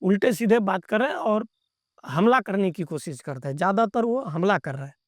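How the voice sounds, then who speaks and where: A man with a high-pitched voice recounts an experience of his own as a podcast guest. He talks in a plain, chatty way and keeps circling back to repeat his phrases. The sound is dry and close, with no room echo. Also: lively intonation, normal speed. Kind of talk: casual first-person storytelling.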